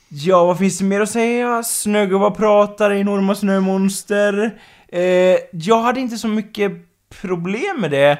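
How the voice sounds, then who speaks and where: Man, high voice, animated, jokey, casual film chat. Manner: joking, animated, mimics characters.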